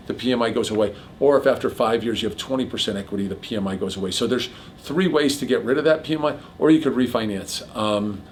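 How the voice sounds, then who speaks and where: A middle-aged man hosting a casual chat about mortgages, explaining figures quickly with a jokey manner. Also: mid-range voice, slight background noise. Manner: rapid, jokey, piles on figures. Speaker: mortgage broker host.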